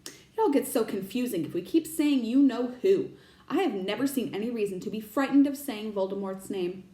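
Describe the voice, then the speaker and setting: A woman voicing a calm, kindly old male wizard from a storybook, measured and gently whimsical, in an echoey room. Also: on the high side, natural voice. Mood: gently amused.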